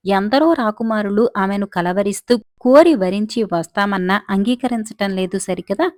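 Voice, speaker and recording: A woman's voice: mid-range voice, moderate pace, dry recording, clean studio sound, close to an everyday voice. A woman voicing an older male royal servant who scolds and frets over his foolish son, in a chiding, exasperated tone. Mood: scolding.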